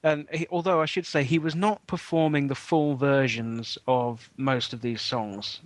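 A podcast co-host tells a story in casual chat, chatty and wry, leaning on lots of ums and other fillers. His mid-range voice has fairly even intonation and a measured pace, with no echo.

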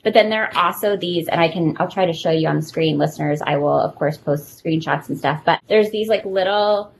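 A woman in her thirties hosts a casual podcast chat, telling nostalgic stories in a slightly low voice. A faint hiss of noise sits behind her. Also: low-quality recording. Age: 30s. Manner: chatty, nostalgic storytelling. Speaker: podcast host.

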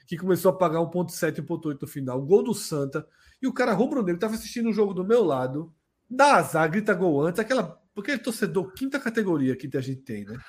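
A man's voice: sits high, very animated, fast talker. A man chatting casually as a podcast co-host, full of slang and swearing. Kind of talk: casual chat, anecdotes about betting.

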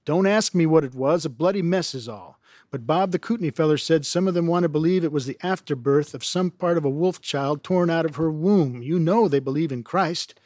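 A man reading aloud as a rough-spoken, superstitious backwoods man who rambles in folksy broken grammar. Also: on the high side, fairly quick, a little mellow, dry recording, natural voice. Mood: matter-of-fact.

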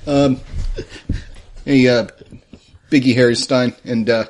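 A man playing a tabletop role-playing game, chatting off the cuff in a playful, jokey way and thinking out loud. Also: mid-range voice, fairly even intonation, takes it slowly. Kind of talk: casual improvised game-table chat.

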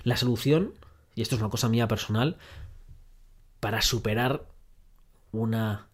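A man's voice: on the low side, normal speed. Podcast guy giving breakup advice, talks right at you, repeats stuff for emphasis. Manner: direct second-person address, repetitive emphasis. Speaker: podcast host. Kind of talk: relationship advice monologue.

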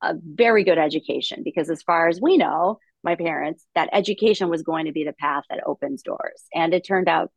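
Guest, woman, middle-aged, from Latvia; articulate, upbeat storyteller, lowish voice, dry close recording. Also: brisk, gravelly, few pauses, no room sound. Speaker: podcast guest, investor. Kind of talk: conversational interview.

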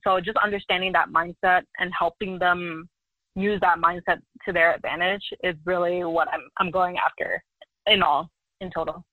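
A woman's voice: fairly low pitch, steady tone, normal speed, sharp tone, no echo, low-quality recording. A young adult woman talking as a podcast guest in a loose, chatty way, full of "like" fillers. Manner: talkative, loose, many "like" fillers. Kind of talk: casual interview chat.

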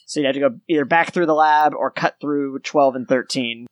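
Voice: medium pitch, brisk, no echo, muffled recording. A game master narrating a tabletop game in an informal, descriptive way.

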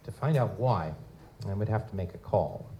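Recorded live on a noisy stage, this hard-boiled noir audio drama features a man as a wisecracking male lutin goblin private investigator narrating noir-style. His lowish, mellow voice moves at a moderate pace with lively intonation and light acting, and his manner is wry, feigning hesitant politeness.

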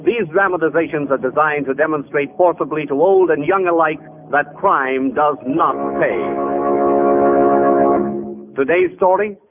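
An actor playing a grave, dramatic old-time radio announcer with formal, emphatic 1940s delivery on a vintage recording. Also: male voice, a little high, a little slow, close to an everyday voice. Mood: dramatic, solemn. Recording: tinny vintage radio recording with loud music.

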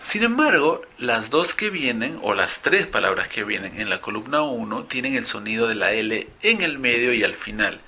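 A man teaching English pronunciation in Spanish, explaining slowly and repeating example words for listeners. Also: mid-range voice, very animated, sharp tone, a little hiss or hum. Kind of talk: pronunciation lesson.

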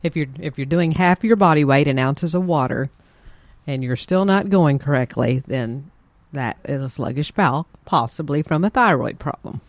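A woman co-hosting a health talk, explaining symptoms in a measured way. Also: low voice, no room sound. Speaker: co-host.

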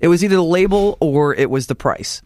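Radio morning show guest, casual chat, bubbly, playful, very lively pitch, dry. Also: a little fast, dry recording.

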